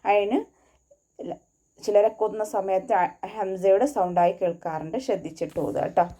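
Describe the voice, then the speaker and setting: A woman teaching Quran recitation, going slowly line by line and explaining where to place the lips and tongue for each sound. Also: medium pitch, mellow. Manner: patient and methodical, gives mouth and tongue placement cues. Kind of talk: tajweed lesson, slow line-by-line instruction.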